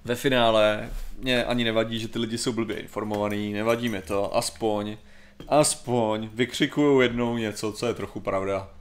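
A man's voice: on the low side, fairly even intonation. A man co-hosting a casual chat show, rambling and hesitant with many fillers. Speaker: podcast co-host.

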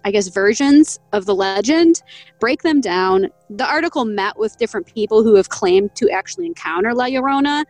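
A woman reading a folk legend from an article as co-host of a casual podcast speaks animatedly at normal speed, her voice a little high with a darkish tone. She laughs frequently and stumbles on names. The recording is dry and close, without echo, and has faint music underneath.

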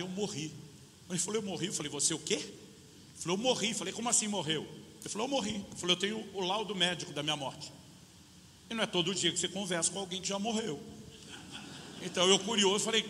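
High-voiced Brazilian pastor preaching in a hall. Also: male voice, pushed and bright. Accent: Brazilian Portuguese. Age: 50s. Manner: storytelling preacher acting out both sides of a dialogue. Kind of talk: sermon. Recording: reverberant hall with faint noise.

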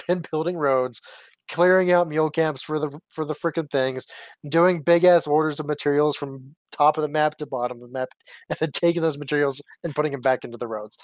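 A man talking about a game on a podcast, animated and quick to laugh, swearing freely. His voice sits a bit higher than most men's. The sound is dry and close. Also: dry recording. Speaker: podcast co-host. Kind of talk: casual game discussion.

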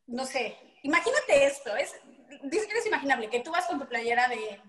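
A Mexican woman, a podcast guest, telling lively stories with frequent laughter. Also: sits high, moderate pace, roomy sound. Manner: animated storytelling, laughing often. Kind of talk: casual chat.

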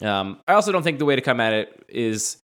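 Male co-host, middle pitch, easygoing, argues a point step by step with frequent laughs. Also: very animated, quick pace, a bit bright, smooth. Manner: reasoning, laughs often. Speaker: podcast co-host. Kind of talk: casual conversation.

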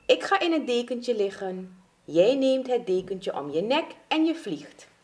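A bossy, wounded male stork from a children's storybook, voiced by a woman reader. He barks orders and urges the listener on. His pitch swoops widely and his words come slowly and deliberately. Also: big pitch swings, a little mellow. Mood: urgent. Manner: commanding, urgent calls.

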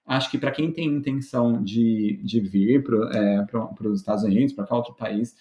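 A man's voice: mid-range voice, normal speed, warm tone, highs cut off. Chatty Brazilian man in a roomy space. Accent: Brazilian Portuguese. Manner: chatty, self-mocking storyteller with many fillers. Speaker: podcast guest, medical educator. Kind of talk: casual interview chat. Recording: roomy echo.

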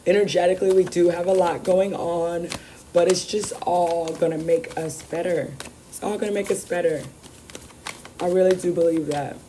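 Female spiritual host, worn rough voice, lowish and unhurried, emphatic affirmations, faint noise behind. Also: steady tone, warm tone. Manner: affirming, emphatic, repeats phrases. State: voice worn and rough after a weekend of celebrating. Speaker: host of a spiritual card-reading show. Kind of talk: upbeat spiritual talk, weekly card reading.

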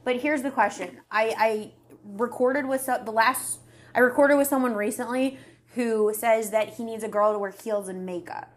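A woman's voice: a little high, moderate pace. A young woman hosting a podcast, chatting frankly and casually with many fillers. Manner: chatty, frank about dating, lots of fillers. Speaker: podcast host. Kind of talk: casual chat.

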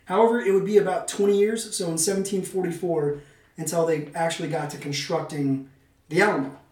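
A male podcast host with a darkish voice on the high side speaks fairly quickly and evenly. Semi-scripted narration meets casual, playful banter and theatrical turns of phrase, captured from a distance in an echoing room.

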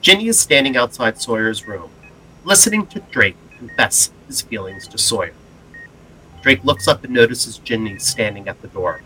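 A man's voice: mid-range voice, expressive, normal speed, pushed and bright, a little hiss or hum, rough recording. A man delivering scripted dramatic narration for an audio drama, with music behind him. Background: background music.

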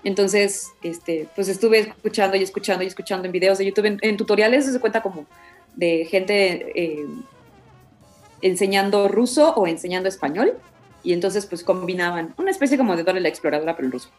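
A woman's voice: mid-range voice, a little fast, soft background music. A voice actress, talking casually in an interview and acting out the quotes in her story. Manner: animated, many fillers, acts out quotes.

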